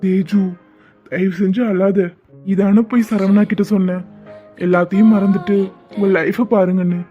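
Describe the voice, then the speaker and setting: A woman voicing a calm young man in a cartoon, speaking in a gentle, consoling way. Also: mid-range voice, moderate pace, lo-fi sound, soft background music, natural voice. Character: calm young man comforting his family.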